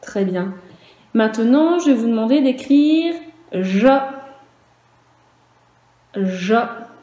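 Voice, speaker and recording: A woman teaching first graders in a recorded online class, sounding out each syllable and letter clearly and patiently, and now and then speaking to the parents. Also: fairly high pitch, lively intonation, drawn-out words, dark tone, reverberant. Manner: speaks to children and parents in turn. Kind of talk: recorded virtual class lesson.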